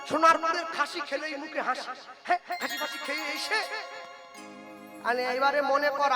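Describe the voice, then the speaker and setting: Male kirtan preacher, very high voice, folksy storyteller, loud instruments behind. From West Bengal. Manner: folksy storytelling, acts out dialogue, rhetorical questions. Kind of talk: kirtan sermon to a live audience. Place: evening religious gathering on stage. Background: musical instruments.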